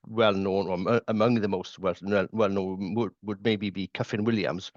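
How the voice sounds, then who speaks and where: A man's voice: on the low side, steady tone, normal speed, no room sound, dull audio. A man interviewing a guest, thinking aloud and repeating words as he shapes his questions. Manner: thoughtful, repeats words while forming questions. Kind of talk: conversational interview.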